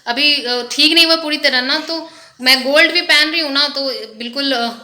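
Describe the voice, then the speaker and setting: A woman's voice: sits high, moderate pace, pushed and bright. A young woman vlogging in a chatty, casual way, slipping English words into her talk. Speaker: family vlogger. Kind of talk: casual vlog narration.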